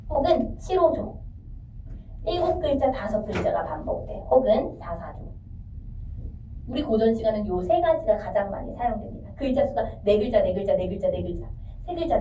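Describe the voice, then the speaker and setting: A woman teaching a classroom lecture on literature. She talks in a lively way, sings out lines of verse and quizzes her students. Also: fairly high pitch, slight background noise. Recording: echoey classroom, distant mic, dull.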